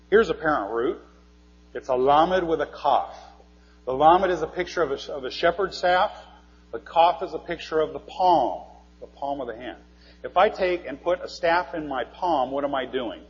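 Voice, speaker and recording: A man giving a live classroom lecture, quizzing his audience in a friendly, teacherly way. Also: on the high side. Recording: dull recording in a long-reverb hall.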